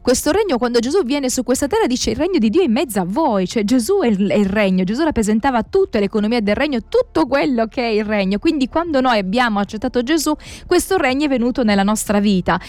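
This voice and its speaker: A woman's voice: fairly high pitch, expressive, fast, few pauses, darkish tone, no room sound. A woman interviewing a professor, prompting with engaged questions. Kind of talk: interview on religion.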